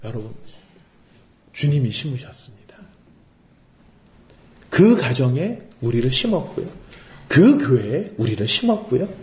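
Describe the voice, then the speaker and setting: A man's voice: medium pitch, a little slow, long pauses. Male pastor preaching, voice jumps up and down a lot, roomy echo. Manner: animated preaching, rhetorical questions, acts out quotes. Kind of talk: sermon. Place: worship service room.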